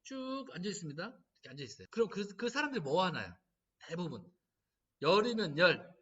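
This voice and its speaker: A man's voice: high-pitched, brisk, slightly rough. A man lecturing as a laughter therapist, telling stories and acting out the lines people say. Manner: animated storytelling, acting out quoted lines. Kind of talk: humanities lecture. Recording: dull, distant lo-fi recording.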